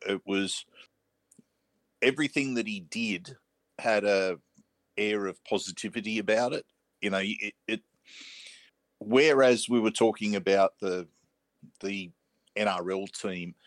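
Aussie bloke, lowish voice, stop-start casual podcast chat, dry sound. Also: male voice, dry recording. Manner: hesitant, many restarts, trailing off. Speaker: podcast co-host.

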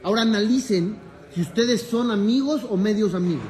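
A man teaching as a rabbi in a lively class, telling a story, acting out its dialogue and joking with his listeners. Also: high-pitched, brisk. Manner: animated, jokes with the audience, acts out dialogue. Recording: echoey room with audience.

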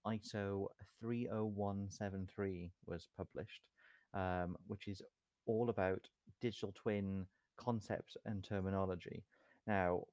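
A man with a low voice explains a topic as a podcast guest, measured and chatty, stacking up caveats. The sound is dry and close to the mic. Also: a little mellow, no echo. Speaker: guest, standards expert. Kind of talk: casual explanatory chat.

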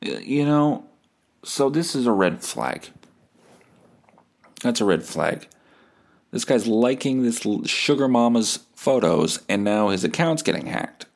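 This podcast host is a man with a mid-range, gravelly voice who is very animated yet unhurried, pausing often. He tells a story comedically and casually, swearing, making fun of himself, and reading out message exchanges as dialogue.

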